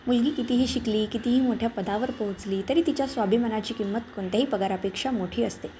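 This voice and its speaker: A woman reads a scripted story in a calm, measured way. Her voice is warm and mellow, with a faint hiss of noise behind it. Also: fairly high pitch. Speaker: narrator.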